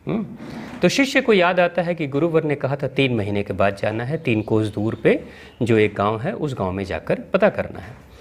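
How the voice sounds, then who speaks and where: Animated male spiritual storyteller. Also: medium pitch, normal speed. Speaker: spiritual teacher.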